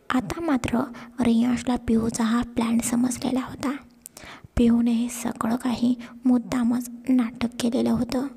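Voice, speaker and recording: A woman tells a romantic story in a hushed, half-whispered voice. Her pitch is high and her tone dark and mellow, with some gravel in it. The recording carries a long reverb. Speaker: narrator. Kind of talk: storytelling narration.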